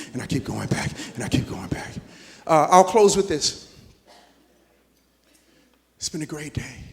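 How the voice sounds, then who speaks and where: A middle-aged man giving a motivational keynote in a preacher-like way, swinging from soft asides to shouted appeals. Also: high-pitched. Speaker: motivational speaker. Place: large convocation hall. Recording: long hall reverb.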